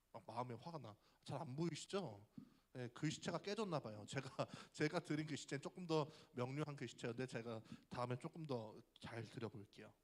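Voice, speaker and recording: Young man, youth pastor, chatty sermon, animated pitch, questions to audience. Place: church hall.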